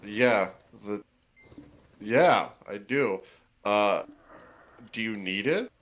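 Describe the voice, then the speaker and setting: A man in casual voice chat with friends, excitable and swearing freely. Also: lowish voice, very slow.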